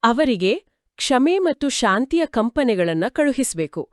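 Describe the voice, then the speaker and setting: A woman co-hosting a spiritual discussion podcast, explaining each point calmly from a script. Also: on the high side, a little slow, no room sound, studio quality. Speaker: podcast co-host.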